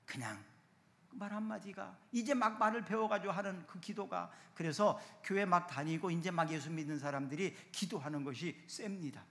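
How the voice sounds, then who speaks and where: A middle-aged man preaching a sermon as pastor, with emphatic, sudden loud rises. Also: sits high, expressive, moderate pace. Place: church sanctuary. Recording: long church hall reverb.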